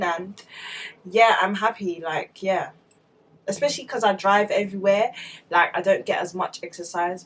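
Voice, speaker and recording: A young woman in her mid-twenties talks straight to camera in an easygoing vlog. Her voice sits a little low for a woman, and she speaks candidly, padding her sentences with "like" and "obviously". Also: rough recording. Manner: chatty and candid, with lots of "like" and "obviously". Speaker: vlogger. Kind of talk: casual chat to camera.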